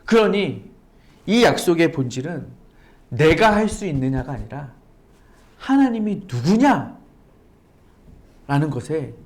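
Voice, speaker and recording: Animated woman pastor preaching. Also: deep voice, a little slow, long pauses. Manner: conversational, asks rhetorical questions; emphatic, repetitive cadence. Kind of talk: sermon.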